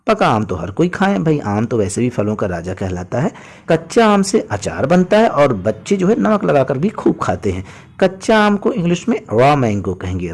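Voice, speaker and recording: A man's voice: mid-range voice, dark tone, breathy edge. A man teaching a vocabulary lesson in a chatty way, adding personal food stories between words. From India. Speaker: English teacher.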